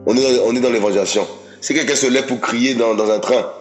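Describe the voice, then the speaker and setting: A man's voice: medium pitch, steady tone, quick pace, faint music behind. Emphatic man preaching a sermon. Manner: emphatic, repeats phrases, many restarts; addresses audience as "mes amis".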